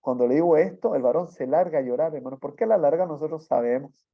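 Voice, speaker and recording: Male preacher, fairly high gravelly voice, testimony sermon on a dull lo-fi recording. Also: fast. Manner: storytelling with frequent tag questions. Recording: dull lo-fi sound.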